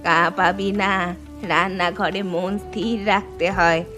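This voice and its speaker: This animated moral story features a woman as a firm, traditional elderly Bengali mother-in-law who offers gentle advice, lovingly scolding and instructing without hurry. Her voice is fairly low with fairly even intonation, set against soft background music.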